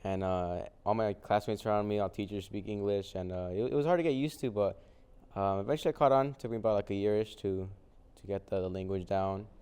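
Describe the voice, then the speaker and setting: A young Mexican man, a native Spanish speaker who resells vintage clothing, is a guest in a casual interview. He answers easygoing questions fairly quickly in a low, smooth, mellow voice, his relaxed, loose talk full of fillers like "um" and "like."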